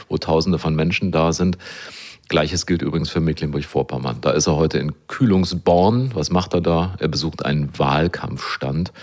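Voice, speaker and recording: A man working as a political correspondent, giving a measured, explanatory live analysis on the radio with the odd filler. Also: very deep voice.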